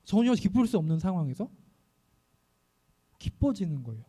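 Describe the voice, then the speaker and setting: High-voiced, mellow male pastor preaching. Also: big pitch swings, normal speed, slightly rough. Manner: earnest preaching with many fillers and voiced prayers. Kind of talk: sermon.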